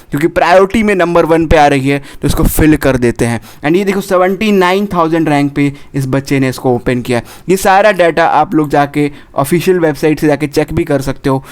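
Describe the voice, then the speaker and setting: Urgent, fairly high-voiced male counsellor. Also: clean tone. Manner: urgent, repetitive, warns directly, drops English words into Hindi. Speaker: admissions counsellor. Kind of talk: counselling advice video.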